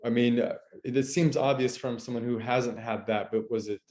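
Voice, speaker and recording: A man hosts a casual interview, chatty and upbeat. His voice sits at an ordinary middle pitch, and he sometimes restarts a phrase as he goes. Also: fairly even intonation, normal speed, darkish tone. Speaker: host. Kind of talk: casual video-call interview.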